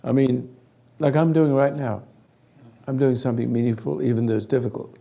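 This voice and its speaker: An older man hosting a group counselling talk, with a hoarse, raspy voice that sounds like gargling, speaking earnestly in halting, emphatic phrases. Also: mid-range voice, fairly even intonation, dark tone. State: hoarse, throat-clearing. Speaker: host leading a group conversation.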